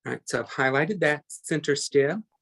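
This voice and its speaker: A man's voice: fairly high pitch, normal speed, vocal fry, a bit bright, breathy edge. A man teaching a live online painting class, chatty and talking through each step as he works, often correcting himself mid-sentence. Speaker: painting instructor.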